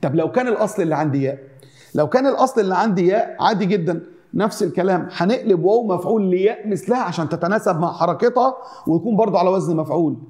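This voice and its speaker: A man with an Egyptian accent explains grammar to his students at a rapid clip. His tone is warm and mellow, and he sits a little higher than most men. He keeps circling back to the same examples, chanting them in rhythmic lists. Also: expressive. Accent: Egyptian Arabic. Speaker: Arabic teacher. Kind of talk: classroom grammar lesson.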